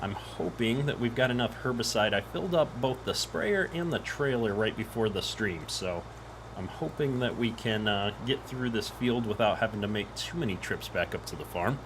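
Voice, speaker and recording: A man's voice: lowish voice, lively intonation, normal speed. A man hosting a casual game live stream, easygoing and chatty, in an echoey room. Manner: easygoing, chatty greetings to viewers. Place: echoey home office. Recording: echoey room, clear background noise.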